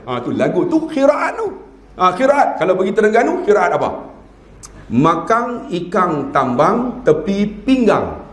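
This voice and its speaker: A man in his fifties with a northern Malaysian Malay accent, giving a humorous religious lecture that quizzes the audience and mimics regional dialects. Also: sits high. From northern Peninsular Malaysia. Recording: echoey hall.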